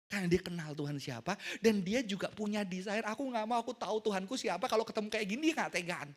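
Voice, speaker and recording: A man's voice: high voice, fast. A middle-aged man preaching a casual, joking sermon to a youth service, mixing in English words.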